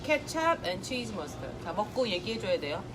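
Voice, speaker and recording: A woman's voice: medium pitch, sing-song, measured pace. A middle-aged woman chatting casually and animatedly while she eats, often exclaiming and asking questions. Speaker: mukbang vlogger chatting with younger relatives. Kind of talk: casual chat while eating. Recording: clearly noisy background.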